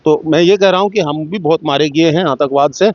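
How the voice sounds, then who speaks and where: Speaking briskly in a slightly high voice with a darkish tone, a middle-aged Jammu and Kashmir man gives an earnest interview about his own story. Small vocal shifts mark the dialogue he acts out, and the recording comes across as dry, dull, and muffled.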